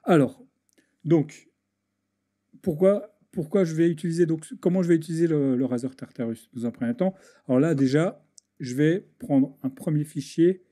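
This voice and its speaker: Hesitant man with a dark voice. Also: on the high side, moderate pace. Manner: hesitant, many restarts and fillers, talks while clicking. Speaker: video editing tutor. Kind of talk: screen-recorded software tutorial.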